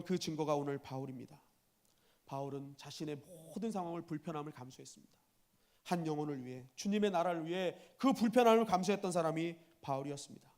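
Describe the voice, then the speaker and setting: Male pastor, church sermon, somewhat high-pitched, builds to loud emphatic peaks. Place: church sanctuary.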